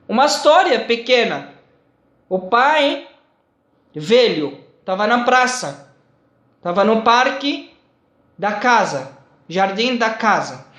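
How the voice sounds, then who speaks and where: Slow, lively-voiced man giving a lesson. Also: high-pitched. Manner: slow, halting, simple phrasing with repeats. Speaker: sheikh giving a religious lesson. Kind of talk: sermon-like lesson. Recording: echoey room.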